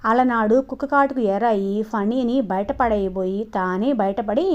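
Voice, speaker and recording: A woman's voice: fairly high pitch, unhurried, a little mellow. A woman reading a romantic novel aloud as an audiobook narrator. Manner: reads dialogue of both lovers in a lightly heightened tone. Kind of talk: novel reading with voiced dialogue. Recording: dull lo-fi sound.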